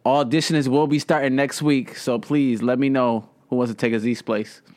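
A man's voice: mid-range voice, steady tone, normal speed, darkish tone. A young adult man co-hosting a podcast, playful and teasing in casual chat. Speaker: podcast co-host.

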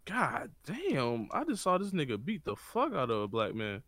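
A young man in casual, slangy chat, swearing and repeating words in excited bursts. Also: on the high side, moderate pace, dry recording. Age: young adult.

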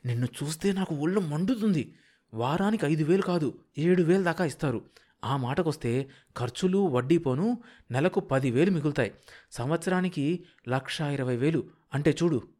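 A man voicing a sharp-tongued, scheming middle-aged wife who scolds her husband. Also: on the high side, animated, moderate pace, pauses often. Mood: scolding. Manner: bossy, impatient, scolding.

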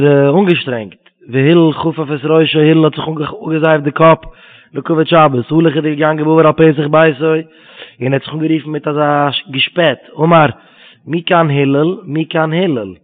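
A man giving a Talmud lesson, reading Hebrew quotes and explaining them in Yiddish. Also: on the high side. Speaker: Talmud teacher. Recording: tinny phone-line sound.

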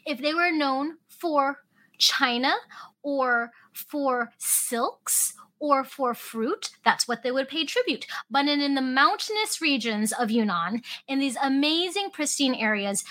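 A woman's voice: sits high, takes it slowly, rough recording. A woman from Hong Kong, raised in Alaska, hosting a podcast and talking casually with enthusiasm. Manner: enthusiastic, storytelling, lively emphasis. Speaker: podcast host. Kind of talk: casual solo podcast talk.

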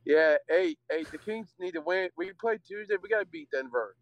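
A man calling in over the phone from his car, talking in an excited, upbeat way about his team. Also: sits high, brisk, dry recording. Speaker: caller. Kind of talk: casual chat. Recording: muffled lo-fi phone line, dry.

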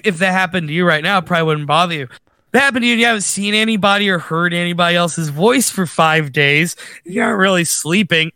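A man co-hosting a podcast in casual chat, animated and rambling with restarts. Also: high voice, no room sound. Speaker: podcast co-host.

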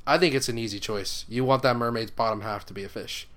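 A man's voice: mid-range voice, quick pace, a bit bright. A man co-hosting a fantasy football podcast in casual chat, laid-back and joking, with casual swearing. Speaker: podcast co-host.

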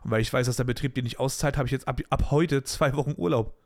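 A podcast host with a medium-pitched voice talks fast as he describes a dispute from his working life. The delivery is blunt and lively, loose and conversational, sprinkled with colloquial asides.

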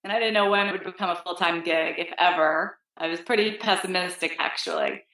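A woman chatting informally as an interview guest, telling her story in an animated way, heard over a low-quality stream. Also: brisk. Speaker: interview guest, health coach. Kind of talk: casual conversational interview. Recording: echoey low-quality online stream audio.

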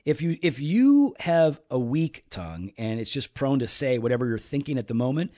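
A man's voice: mid-range voice, sing-song, normal speed, dark tone. A man in his forties co-hosting a casual faith discussion, teasing his friend and then teaching earnestly. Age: 40s. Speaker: podcast co-host.

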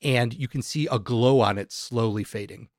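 A man's voice: mid-range voice, normal speed, no room sound, clean studio sound. A man narrating a tabletop game as game master, describing scenes and stammering a little when he restarts.

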